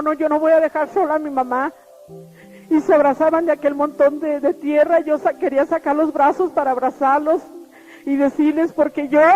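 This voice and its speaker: Woman, high voice, halting testimony with restarts, muffled sound. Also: a little mellow. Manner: earnest and halting, with frequent restarts and repeated words. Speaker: witness giving a testimony. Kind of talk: spoken personal testimony. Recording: muffled recording with faint background music.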